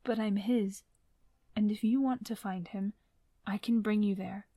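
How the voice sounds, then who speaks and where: A woman voicing a tall, thin, shadowy male guide who speaks in a hushed, matter-of-fact way. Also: medium pitch, steady tone, measured pace, no echo. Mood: calm.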